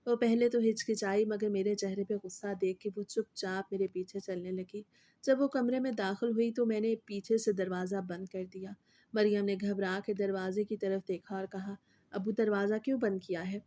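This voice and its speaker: A woman tells a story in a steady, scripted narration. Her voice is mellow and dark, with pitch sitting in the middle of the range.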